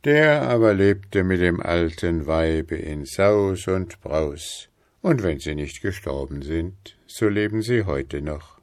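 A man reading a fairy tale aloud in a measured storytelling style. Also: low voice, expressive. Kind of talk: scripted storybook narration.

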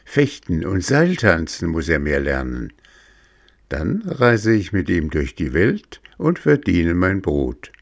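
A man's voice: low-pitched, very animated, gravelly, exaggerated voice. A man voicing a hot-tempered old male woodcarver in a storybook reading. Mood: earnest. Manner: quick-tempered, huffy.

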